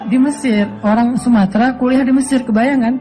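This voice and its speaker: A middle-aged male Islamic preacher from Aceh, giving a relaxed, humorous sermon that jokes and acts out voices in his stories. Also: very high voice, fairly quick, faint music behind. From Aceh, Indonesia. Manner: joking storytelling, often laughing.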